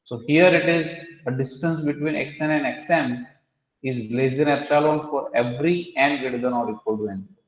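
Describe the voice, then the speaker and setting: A man's voice: medium pitch, normal speed. A man lecturing a mathematics class, explaining step by step and quizzing students. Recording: echoey hall, dull lo-fi sound.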